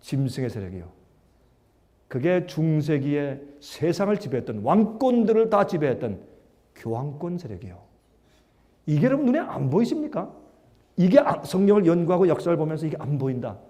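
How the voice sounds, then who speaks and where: High-voiced pastor preaching in a hall. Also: male voice, very animated, normal speed. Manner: emphatic, rhetorical questions, swings from loud to hushed. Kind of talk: sermon. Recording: long hall reverb.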